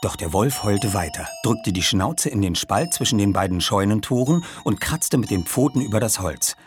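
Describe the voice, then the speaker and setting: A man narrating an audiobook with lively, dramatic storytelling. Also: on the low side, normal speed, faint music behind.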